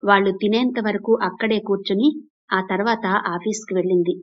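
A woman from Vizag reading a novel aloud as an expressive audiobook narrator. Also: mid-range voice, moderate pace. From Vizag, India. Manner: expressive storytelling. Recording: dull lo-fi recording.

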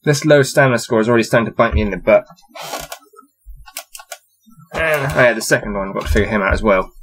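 With a lowish, slightly bright voice and a quick pace, a young man in his twenties plays through a fantasy gamebook at his desk, reading it aloud. He chats about his dice rolls and laughs in amusement, indoors in a small cluttered room with shelves.

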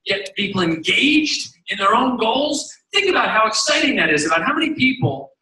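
A man's voice: high voice, very animated, moderate pace, bright, forceful tone. A middle-aged man giving an emphatic motivational stage speech to coaches, repeating his slogan and acting out voices in his stories. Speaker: company executive addressing coaches. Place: large hall, on stage. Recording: echoey hall, voice from far off.

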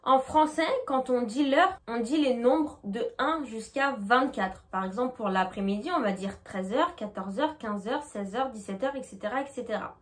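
A woman teaching a lesson, patient and clear, slowly modeling English pronunciation. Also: a little high. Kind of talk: explanatory lesson.

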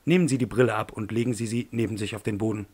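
A cold, menacing man barking coarse orders at his victim, as a male audiobook narrator reads him. His voice sits low and his threats come short and curt. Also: steady tone, very fast, darkish tone, lightly acted. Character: menacing middle-aged man with a sadistic streak.

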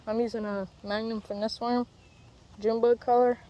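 A young teen boy vlogs about fishing outdoors by a pond, chatting plainly and explaining as he goes in a very high male voice that stays level at a moderate pace. It's recorded on a handheld camera mic at shifting distance, with outdoor noise and dull-sounding audio.

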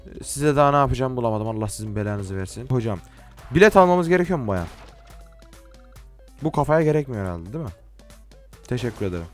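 A teenage man from Turkey giving casual, joking gameplay commentary, talking to game characters and swinging from quiet mutters to sudden shouts. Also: medium pitch, expressive, quick pace, pauses often, soft background music. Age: late teens. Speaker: gaming YouTuber.

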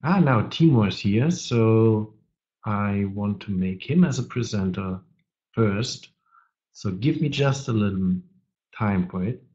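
A man who is not a native English speaker presents a live trading webinar, talking haltingly and searching for words while he has a cold. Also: fairly low pitch, expressive, darkish tone. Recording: dull lo-fi webinar audio.

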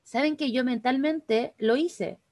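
Fast-talking Chilean woman teaching online. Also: high-pitched, darkish tone, dry recording, clean studio sound. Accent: Chilean Spanish. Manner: fast, chatty, addresses participants directly. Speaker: workshop instructor. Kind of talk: online class talk. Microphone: video call.

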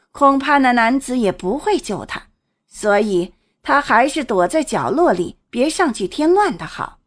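A woman narrating a serialized fantasy novel in a lively storytelling manner. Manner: lively storytelling, swings pitch with the action. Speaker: audiobook narrator.

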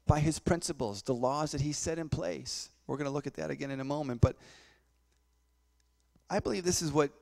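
A man's voice: on the high side, a little fast, vocal fry, a little mellow. A man preaching a sermon as pastor, telling a personal testimony and acting out the voices of people in his story. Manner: storytelling, acts out voices, repeats words.

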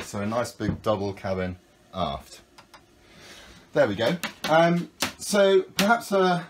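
Filmed on a handheld phone with plenty of background noise, a medium-pitched man in his fifties, a sailing school skipper, gives a friendly tour of a small yacht. He walks around the deck and then into the cabin, explaining each step in a practical, casual way.

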